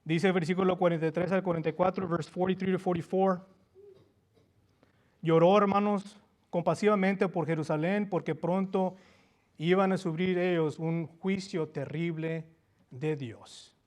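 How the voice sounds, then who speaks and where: A man's voice: sits high, steady tone, a little slow, a little mellow. A male preacher delivering a sermon to his congregation, repeating each passage in two languages with growing fervor. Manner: switches between Spanish and English, repeating each passage; addresses the congregation as brothers, rising in fervor. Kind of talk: bilingual sermon.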